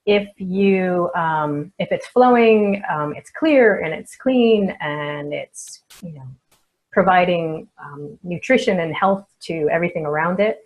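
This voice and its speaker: A woman who works as a feng shui expert and coach answers interview questions slowly and reflectively, using lots of soft fillers. Her voice sits on the low side, and the recording is rough.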